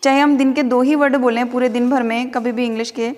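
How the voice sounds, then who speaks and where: A woman with a Rajasthani Hindi accent teaching English pronunciation, who spells each word letter by letter and then repeats it slowly several times. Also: fairly high pitch, steady tone, darkish tone, long reverb tail. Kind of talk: slow spelling-and-repeat lesson.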